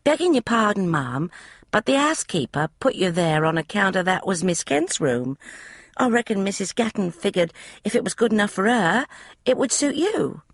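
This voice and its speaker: In a clean studio recording with no room sound, a woman voices a young, flustered housemaid, pitching her mid-range voice above her natural one. She is very animated and gossipy, speaking at normal speed in broad, common speech.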